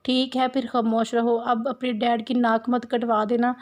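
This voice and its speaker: A woman's voice: on the high side, level tone, a little slow, natural voice. A woman voicing a stern middle-aged mother scolding her daughter.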